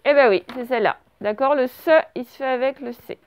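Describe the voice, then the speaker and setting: Speaking a little fast in a smooth, high voice, a woman who teaches primary school runs a dictation. She spells each word letter by letter, asks her pupils questions, and praises what they answer.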